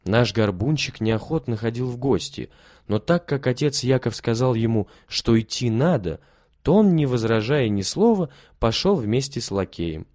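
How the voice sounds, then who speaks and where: A man reading a children's story aloud as the narrator, steady and expressive. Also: medium pitch, normal speed, dry recording, clean studio sound.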